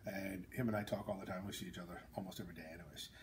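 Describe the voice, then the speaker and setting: A man's voice: low-pitched, fairly even intonation, racing, slight background noise. A man, an author hosting a casual chat, talking bluntly and jokingly with lots of fillers and tangents. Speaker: author and host.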